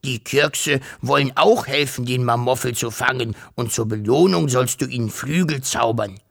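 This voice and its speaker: Ein Mann spielt einen rauen, fauchenden dreiköpfigen Drachen. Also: male voice, medium pitch, moderate pace, creaky. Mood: explaining. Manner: hissing, matter-of-fact. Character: three-headed male dragon, friendly and helpful.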